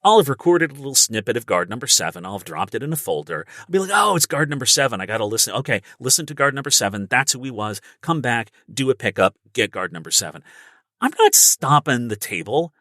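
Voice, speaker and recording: Very animated and fast, this medium-pitched male voice comes across bright and forceful. As a voice actor and audiobook narrator guesting on a podcast, he explains things casually but with emphasis, leaning on everyday analogies. The studio sound is clean, with no room sound.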